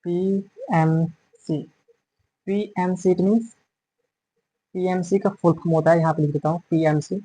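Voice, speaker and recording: A man's voice: fairly high pitch, steady tone, normal speed, long pauses, mellow, breathy edge, low-quality recording. A man teaching biology in a classroom-style lecture, repeating and correcting terms as he explains and mixing English words into his talk. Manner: mixes English terms into Hindi.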